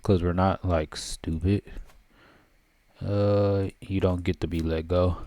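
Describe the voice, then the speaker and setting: A man's voice: sits low, fairly even intonation, takes it slowly, warm tone, no echo. A man giving casual let's-play commentary, thinking aloud and reading game text as he plays. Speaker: gameplay commentator.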